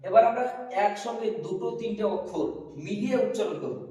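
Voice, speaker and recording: High-voiced man spelling slowly, echoey. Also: warm tone. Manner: slow, deliberate letter-by-letter spelling. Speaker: Quran tajweed teacher. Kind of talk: spelling drill lesson. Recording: echoey hall, voice from far off.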